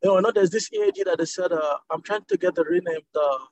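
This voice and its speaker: A man calls in on his car speakerphone while he drives. His voice sits high for a man. The muffled, lo-fi phone line dulls his words, and he keeps hunting for the right term and starting his phrases over. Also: quick pace. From Nigeria. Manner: searching for words, restarting phrases. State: driving while calling in. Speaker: caller. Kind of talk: call-in question on a conference call. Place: inside a moving car.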